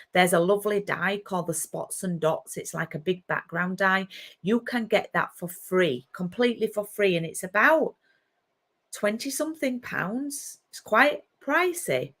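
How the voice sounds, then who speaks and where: A woman's voice, medium-pitched, fairly bright and a little slow, comes from a middle-aged Yorkshire woman with a local accent. She chats easily on a craft live stream in her home craft room, welcoming viewers by name.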